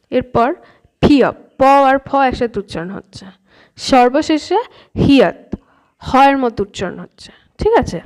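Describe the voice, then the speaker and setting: A woman with a Bengali accent teaching a language lesson, patiently repeating sounds to demonstrate pronunciation. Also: sits high.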